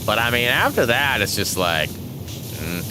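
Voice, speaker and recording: A man's voice: mid-range voice, big pitch swings, measured pace, noisy background. A man in his forties chatting casually over gameplay as a channel host, rambling with many fillers and frequent chuckles. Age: 40s.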